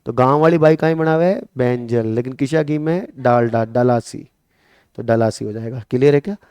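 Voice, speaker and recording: A man's voice: medium pitch, moderate pace, clean tone, no room sound. A male coaching-class teacher from Rajasthan with a Marwari-tinged Hindi accent, lecturing with memory tricks and quizzing his students. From Rajasthan, India. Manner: lively, repeats questions to students and answers them.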